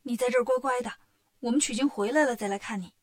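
A woman voicing a bold, quick male monkey hero who talks in a brisk, commanding way. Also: on the high side, close to an everyday voice.

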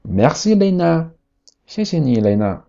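A man voicing an excited little male monkey in a storybook, with an eager, high, chirpy way of talking. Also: slow pace, creaky, lo-fi sound, full character voice.

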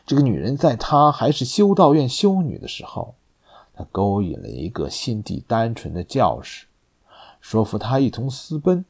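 A man voicing a grim executioner who speaks low, slow and solemn. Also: big pitch swings, darkish tone, husky.

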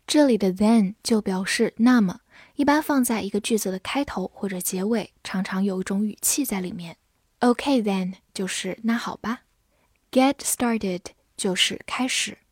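Woman, English vocabulary teacher, dry close recording, spells words letter by letter, slow example readings. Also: medium pitch, darkish tone, breathy edge, no echo. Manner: spells words letter by letter, then reads sentences slowly. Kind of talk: vocabulary lesson with slow read-alongs.

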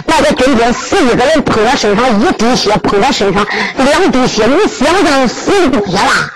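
A woman with a Henan accent performing traditional zhuizi storytelling in an animated, rhythmic, exclaiming manner. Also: high-pitched, normal speed, rough recording.

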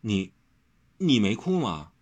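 A man's voice: fairly low pitch, big pitch swings, slow, darkish tone, lo-fi sound, exaggerated voice. A man doing a stammering flustered young hero. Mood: indignant. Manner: stammering, repeating words.

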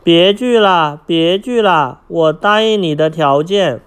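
A man's voice: fairly high pitch, slow, a bit bright, clear, resonant tone. A man voicing a desperate mother crow who pleads tearfully for her chicks in a storybook reading. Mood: pleading.

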